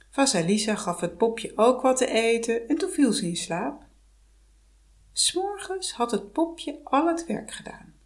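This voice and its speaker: A woman reading a fairy tale aloud as a storyteller, in an expressive way. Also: on the high side.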